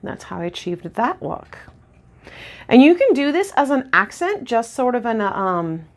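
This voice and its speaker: A woman demonstrating lash techniques in a casual tutorial, chatty and relaxed with lots of ums and restarts. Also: medium pitch. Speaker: lash artist instructor.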